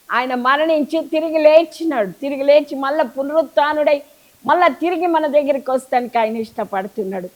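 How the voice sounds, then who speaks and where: A middle-aged woman preaches a sermon in a fairly high voice. She pleads fervently and repeats her phrases again and again for emphasis. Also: low-quality recording.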